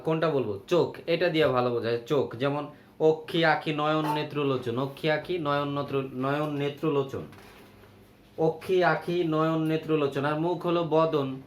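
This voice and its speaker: A man teaches grammar to young schoolchildren in a slightly raised voice, reading out word lists and pausing to ask if they follow. The sound is roomy and echoey, with a faint hum of ambience behind him. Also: on the high side. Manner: explains slowly, lists words, checks with "ok?". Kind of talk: grammar lesson for young pupils.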